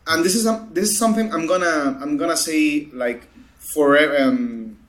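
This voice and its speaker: Guy guesting on a podcast, a bit high voice, lots of um and restarts, casual chat. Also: normal speed, crowd noise. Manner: hesitant, full of restarts and fillers. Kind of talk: casual chat among friends.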